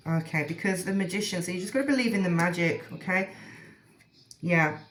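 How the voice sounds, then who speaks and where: A woman's voice: fairly low pitch, a little fast, slight background noise. A woman giving a rambling, casual tarot reading, full of fillers and restarts, with a frog in her throat. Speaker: tarot reader.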